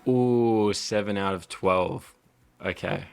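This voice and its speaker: A man's voice: low-pitched, fairly even intonation, normal speed, gravelly, faint music behind. A man working through language lessons, sounding out phrases and repeating the hard ones. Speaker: language learner. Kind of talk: practicing phrases aloud.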